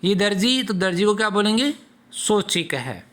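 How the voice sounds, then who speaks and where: In a Sanskrit class for children, a man with a high-sitting, slightly bright voice sounds very animated while still going slowly and patiently, asking his own questions and then answering them.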